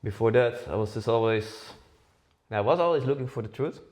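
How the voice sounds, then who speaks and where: A man's voice: medium pitch, animated, moderate pace, a little mellow. A Dutch man in his forties co-hosting a podcast, chatting casually with many fillers and restarts. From Netherlands. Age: 40s. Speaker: podcast co-host. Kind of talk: casual chat.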